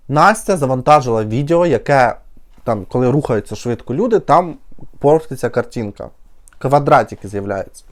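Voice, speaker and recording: Chatty sarcastic Ukrainian male vlogger. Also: mid-range voice. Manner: chatty, sarcastic, rambling asides. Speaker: music reviewer and critic. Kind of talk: casual reaction vlog.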